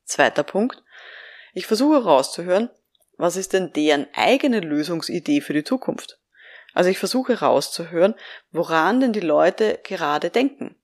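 Middle-aged woman trainer, lowish pitch, calm and advisory, explains in clear steps. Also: normal speed. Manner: calm, advisory, acts out example phrases. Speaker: prevention trainer. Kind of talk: instructive podcast talk.

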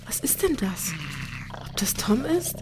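A woman's voice: high voice, big pitch swings, unhurried, music in the background. A young woman playing a frightened companion in an audio drama, asking anxious questions.

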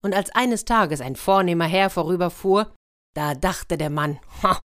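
A woman telling a fairy tale in a lively way, turning to her listeners with questions. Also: lowish voice, a little slow. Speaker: storyteller.

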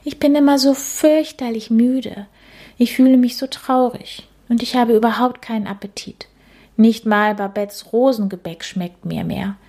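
A woman putting on a gentle ghost lady from a storybook, her voice lifted high above the narrator's own. She sounds worn out and plaintive, whining softly yet staying polite. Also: unhurried. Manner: whiny, plaintive. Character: sad, tired female ghost, polite and whiny. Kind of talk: storybook reading.

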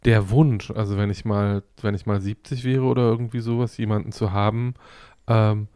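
A man's voice: fairly low pitch, steady tone, moderate pace, mellow, smooth, no room sound, studio quality. A man hosting a casual podcast, thinking aloud hesitantly and often restarting his phrases as he reflects. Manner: hesitant, searching, repeats phrase openings. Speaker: podcast host.

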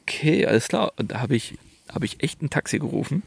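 Young male podcaster, slangy storyteller, rough husky voice. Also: a little high, big pitch swings, brisk, dry recording. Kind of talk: casual chat, storytelling.

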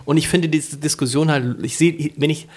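A man from the Hamburg area talks casually with a co-host, his voice a touch high and husky. He tells stories with plenty of restarts and slips into the voices of the people he quotes. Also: moderate pace. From Hamburg area, Germany. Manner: animated storyteller acting out quoted voices. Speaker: podcast co-host. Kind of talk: casual chat.

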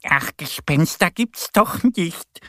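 A storyteller voicing a cheerful, fearless little female duck in a children's story, speaking high and bright. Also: takes it slowly, dry recording, studio quality. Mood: cheerful, bold. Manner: bright, confident, excited.

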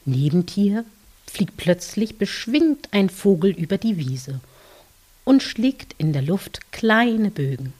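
A woman softly narrating a guided dream journey for children in a gentle, soothing, hushed voice, with long pauses and a scripted, meditative delivery. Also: medium pitch, very animated. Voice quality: soft, breathy, hushed, at times near whisper.

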